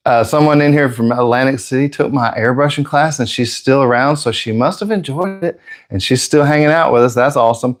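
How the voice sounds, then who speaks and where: A man's voice: mid-range voice, fairly quick. A man hosting a live airbrush painting stream, chatting casually and joking with viewers, slightly out of breath.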